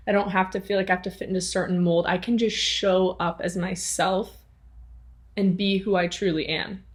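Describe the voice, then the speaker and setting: A young woman hosting a solo podcast in an earnest, encouraging, chatty way, often restarting her sentences and asking rhetorical questions. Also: medium pitch. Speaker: podcast host. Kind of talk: casual solo podcast talk.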